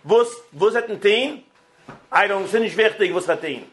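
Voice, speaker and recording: A man telling a religious parable in halting, informal speech, often repeating and restarting phrases and switching in English words. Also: high-pitched, fairly bright tone. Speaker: storyteller.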